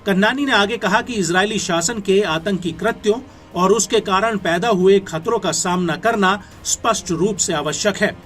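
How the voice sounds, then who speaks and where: Over background music, a man with an Indian accent delivers scripted news in a formal, emphatic newsreader style. His voice sits high and sounds a bit bright.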